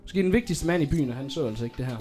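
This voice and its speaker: A man running a tabletop game as game master, narrating the scene and voicing shouting townsfolk. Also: a little high. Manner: lively narrator who voices shouting townsfolk.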